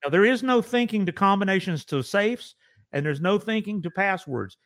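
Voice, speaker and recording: A man's voice: high voice, lively intonation, fairly bright tone. Joking man in casual chat. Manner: agreeable, quick with jokes. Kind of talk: conversational chat.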